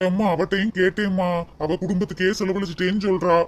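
A man's voice: high voice, steady tone, quick pace, lightly acted. Man doing a meek pleading cartoon son. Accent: Kanyakumari Tamil. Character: meek grown son short of money.

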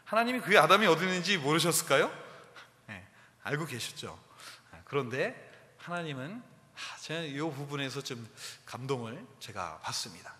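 A middle-aged man preaching a sermon as a pastor, animated, and acting out the quoted lines. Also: a little high, moderate pace. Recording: long hall reverb.

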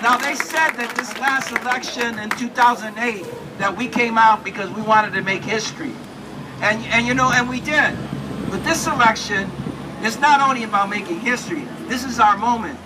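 A man's voice: very high-pitched, moderate pace. A man giving an earnest, rousing speech at an outdoor rally, stumbling into repeated restarts. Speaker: state commissioner and magazine publisher. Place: outdoors on building steps. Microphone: handheld mic, filmed by a phone from far off. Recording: distant phone video with loud street noise.

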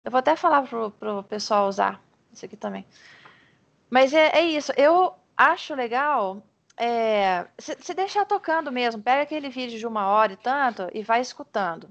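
A woman's voice: fairly high pitch, lively intonation, normal speed, a bit bright, dull audio. A Brazilian Portuguese-speaking woman teaching English in an online lesson over a video call, chatty and encouraging, often restarting her sentences as she explains.

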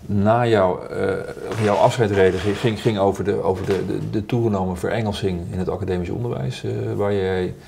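A man interviewing in an oral history, who asks halting questions and agrees often. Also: on the low side, fairly even intonation, gravelly, a little mellow, slight background noise.

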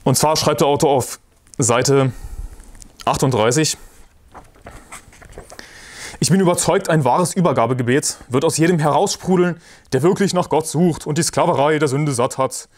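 A man preaching a sermon in a forceful, combative way, repeating his points and references. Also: a little high, moderate pace, long pauses.

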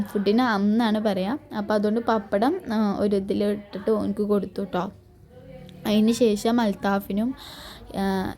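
A woman's voice: mid-range voice, dark tone. Chatty woman. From Kerala, India. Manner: chatty running commentary, tags many lines with a friendly "you know". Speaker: family vlogger and mother. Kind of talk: casual narrated cooking vlog. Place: home kitchen. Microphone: phone camera, filming herself alone.

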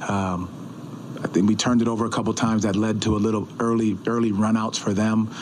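A man in his forties, a head coach, answering questions at a postgame press conference in an arena press room, measured and often restarting his words. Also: fairly low pitch, level tone, a little hiss or hum, rough recording. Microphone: table mic on a stand.

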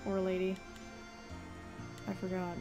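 A woman's voice: fairly low pitch, monotone, takes it slowly, over music. Irreverent woman doing casual game commentary. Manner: dry, irreverent asides. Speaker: let's play host.

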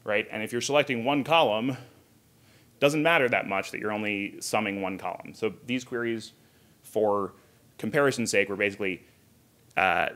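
A software engineer in his thirties gives a relaxed technical talk from a podium in an indoor hotel conference room. His voice is fairly low with a slight brightness, and he explains things conversationally, adding asides along the way.

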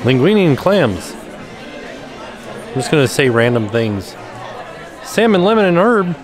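A man's voice: on the high side, very animated, measured pace, crowd noise. A man vlogging casually, chatting enthusiastically about menus and food as he walks around. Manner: chatty, enthusiastic food commentary with frequent "ooh". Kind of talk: casual vlog narration. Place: outdoor shopping plaza and indoor restaurant.

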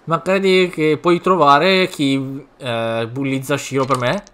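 A man reading subtitles aloud for a stern adult ex-yakuza who protects orphans, in a slightly deeper tone. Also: fairly even intonation, slow pace, fairly bright tone, clear, resonant tone. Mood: determined.

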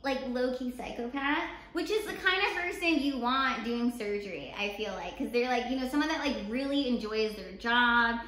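Sitting in her apartment living room, a young adult American co-host rattles through a personal story at normal speed with few pauses, her voice a little high. She acts out the dialogue she quotes and keeps saying "like", and the camera mic a few feet away picks up an echoey room and faint noise.

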